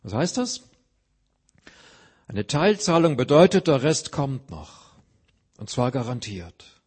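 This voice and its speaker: A man's voice: on the high side, darkish tone, husky. A man preaching a sermon, earnestly explaining scripture with everyday examples.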